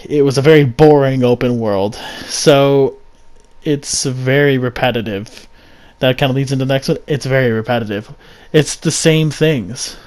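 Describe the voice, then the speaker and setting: A man's voice: mid-range voice, moderate pace, darkish tone. A man reviewing a video game in a casual, rambling way, giving blunt opinions with frequent restarts and fillers.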